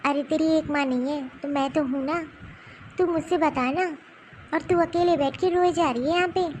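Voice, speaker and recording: A woman's voice: high voice, moderate pace, darkish tone, slight background noise, natural voice, poor audio. A woman voicing a caring mother-in-law in her seventies in a cartoon, who speaks in a coaxing, consoling way. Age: 70s. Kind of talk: cartoon voice acting.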